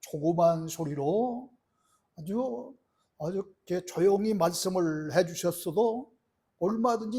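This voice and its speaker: Middle-aged male pastor, earnest sermon delivery, high husky voice. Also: mellow. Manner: earnest preaching with rhetorical questions to the congregation.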